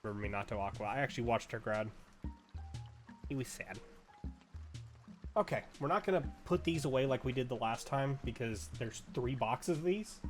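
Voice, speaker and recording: Male host, mid-pitched, casual and self-mocking card-opening chatter, music bed under. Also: animated, normal speed, long pauses. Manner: rambling, self-mocking, laughs and stammers while sorting cards. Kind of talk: casual unboxing commentary.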